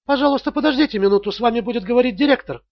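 A man's voice: very high-pitched, rapid-fire, no room sound, pitched above the performer's own voice. A man voicing a polite male bank clerk speaking formally on the phone, in a muffled audiobook recording.

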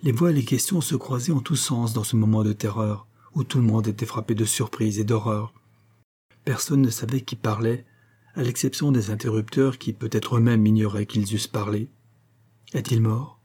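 A man reading a classic novel aloud in a steady, measured narration. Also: fairly low pitch, breathy edge. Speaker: audiobook reader.

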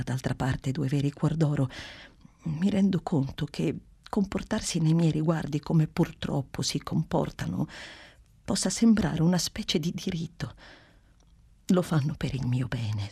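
A reader voicing an aging woman schoolteacher who speaks in a hushed, half-whispered, confiding way. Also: low-pitched, lively intonation, unhurried, gravelly, slightly rough, no echo, clean studio sound, full character voice. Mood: weary confiding. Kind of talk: literary reading of dialogue.

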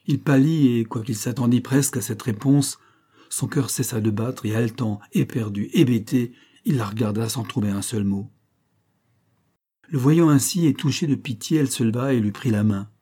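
A man narrating a classic novel as an audiobook in a measured, dramatic reading. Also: medium pitch, dark tone, breathy edge.

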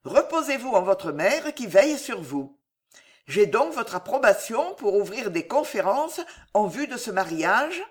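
The woman narrating gives the cold queen mother a soothing mood while keeping her measured, deliberate and persuasive. Her pitch rises and falls in a lively way, and there's a coolly triumphant quality underneath.

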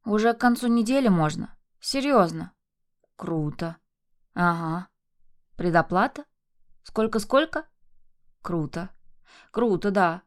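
A woman reading an audiobook, voicing a cruel, abusive husband who sneers and shouts insults. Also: mid-range voice, lively intonation, slow, pauses often. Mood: mocking. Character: abusive enraged husband, man, cruel and mocking.

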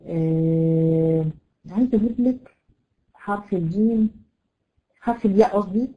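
A woman with an Egyptian accent teaching a tajweed lesson, slowly drawing out example words with many fillers. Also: mid-range voice, dull audio. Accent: Egyptian Arabic. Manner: patient, drawn-out example words, frequent fillers. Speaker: Quran recitation teacher.

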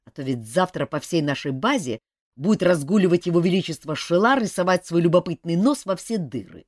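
A woman voicing a grumpy, stern man in a fantasy audiobook, gruff and lecturing. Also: on the low side, animated, fairly quick, a little mellow, dry recording, clean studio sound, pitched above the performer's own voice. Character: grumpy, stern adult man, sharp-tongued.

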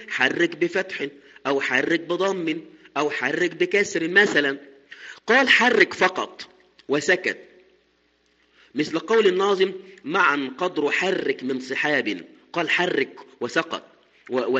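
A man teaching a lesson on Quran recitation, explaining each point step by step, repeating key terms and chanting quoted verses slowly. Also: on the high side, bright, forceful tone, long reverb tail, highs cut off.

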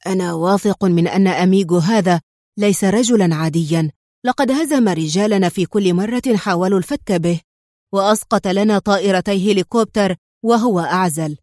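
A woman doing a sly male kingpin from a storybook read aloud, wry and guarded, in a voice sitting a little below her own. His talk stays even and dry, with no room around it. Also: lowish voice, fairly quick, no room sound, natural voice. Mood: sharp. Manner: ironic, guarded, turns sharp. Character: smooth, sly male businessman, a city kingpin.

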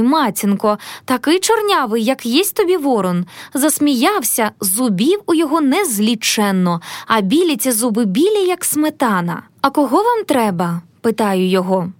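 Woman narrator, high voice, very lively intonation, expressive storytelling, dry close sound. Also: no echo. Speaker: audiobook narrator. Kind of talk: storytelling reading of a classic tale.

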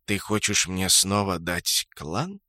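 A man voicing a calm, menacing male dark elf god who speaks slowly and coldly. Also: sits low, dry recording, studio quality, pitched below the performer's own voice, heavily acted. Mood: cold, commanding. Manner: slow, cold and commanding.

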